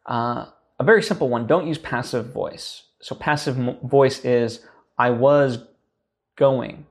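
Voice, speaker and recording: A man's voice: mid-range voice, normal speed. A young man hosting a podcast, explaining writing advice in a loose, rambling way with many restarts. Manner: rambling, full of fillers and restarts. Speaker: podcast host. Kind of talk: casual teaching talk.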